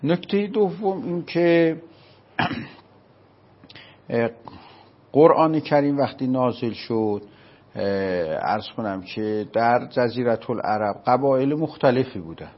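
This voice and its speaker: A man from Isfahan with an Isfahani accent, explaining a religious topic step by step and often asking whether it is clear. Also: mid-range voice, lo-fi sound. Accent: Isfahani Persian. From Isfahan, Iran. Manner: patient, explaining step by step with checking questions. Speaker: religious scholar. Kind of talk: explanatory lecture in conversation.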